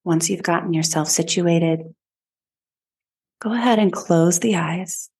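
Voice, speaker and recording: A woman podcast host and yoga teacher leading a guided meditation in a slow, soothing, calm way. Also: fairly low pitch, breathy edge.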